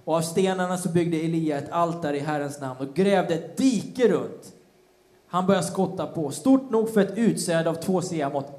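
A man's voice: fairly high pitch, a little mellow. A man preaching a sermon, retelling a Bible story with casual slang asides and acted-out quotes. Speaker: pastor. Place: church hall. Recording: roomy church hall sound.

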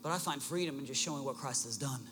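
A man's voice: medium pitch, fast, in a large hall, music in the background. A male pastor preaching a sermon in a large church, with emphatic repeated refrains.

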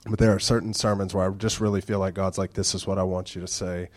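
This is a man in his thirties, a pastor delivering an easygoing sermon full of announcements and dad jokes. His nose is congested and stuffy, and he speaks in a low, slow, mostly flat voice.

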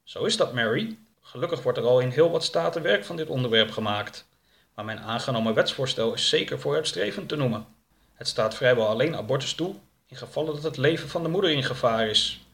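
A man's voice: medium pitch, animated, brisk, vocal fry, a bit bright. A man voicing a self-assured older male politician in a storybook reading, earnest and self-satisfied.

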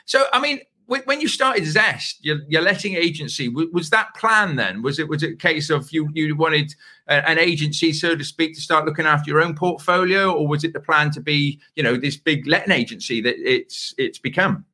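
A man's voice: on the high side, lively intonation, moderate pace, bright, forceful tone. A man interviewing casually as a podcast host, rewording his questions as he goes.

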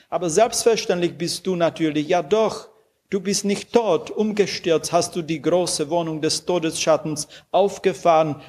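A man reading aloud and voicing a young man who is overcome with jubilant sobbing, excited and pleading. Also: on the high side.

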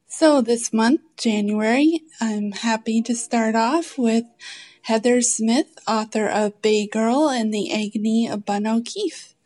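A woman from Canada hosting a podcast, asking questions in a friendly, measured way. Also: on the high side, darkish tone, rough recording. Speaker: podcast host. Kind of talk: podcast interview.

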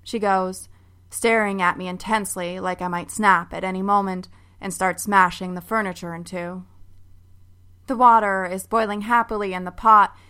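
Bright, clear woman narrating a story. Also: mid-range voice. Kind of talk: first-person storybook narration.

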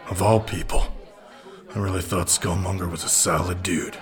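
A man's voice: sits low, steady tone, normal speed, faint music behind, some chatter behind, close to an everyday voice. A man playing a laid-back, slightly defensive slacker in an audio comedy drama, with a casual, slangy way of talking. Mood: casual dismay.

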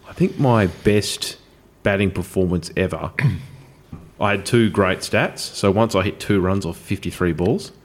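An Australian man hosts a casual chat podcast, with a rather low voice. He rambles along in a jokey, self-mocking way. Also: measured pace. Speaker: podcast host.

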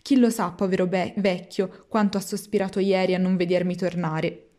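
A woman's voice: lowish voice, level tone, moderate pace, dark tone, close to an everyday voice. A woman reading as a remorseful wooden puppet boy. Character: naughty young wooden puppet boy, wistful. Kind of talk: storybook reading.

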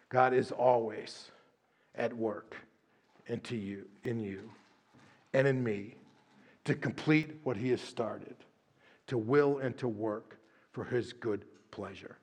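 A middle-aged male pastor preaches in an easygoing, conversational way, often tagging his points with a quick question. He stumbles over repeated words as he builds up to each point, and his pitch sits in an ordinary middle range. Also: husky. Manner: conversational, repeats words when starting lines; tag questions, shifts from lively to hushed prayer. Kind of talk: sermon.

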